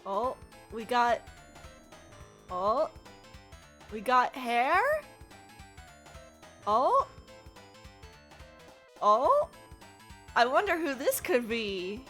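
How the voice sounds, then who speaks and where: A high-voiced woman streamer with a playful gamer-girl way of talking. She is excitable and casual with her viewers and takes her time over her words, with music playing behind her. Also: drawn-out words, pauses often. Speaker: livestreamer, host. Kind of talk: casual chat with livestream viewers.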